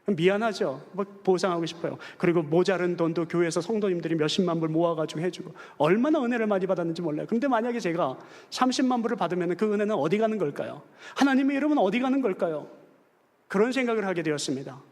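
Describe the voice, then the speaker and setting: A man preaching a Sunday sermon as pastor, telling personal stories in an animated way and acting out quoted voices. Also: high-pitched, fast, big-room sound. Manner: animated storytelling, acts out quoted voices with bits of English. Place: church sanctuary.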